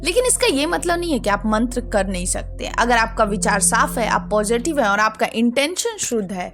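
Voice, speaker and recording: Brief: female host, earnest explainer voice-over, lively higher pitch, clear music bed behind. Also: moderate pace. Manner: earnest, addresses the viewer directly. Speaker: channel host explaining a mantra. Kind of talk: narrated explainer in Hindi with English words.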